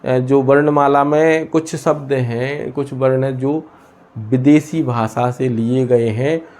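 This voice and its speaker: A man teaching a lesson from India, pausing often and asking questions he then answers himself. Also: medium pitch, steady tone, a little mellow. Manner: asks and answers his own questions, many hesitations. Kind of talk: explaining a lesson.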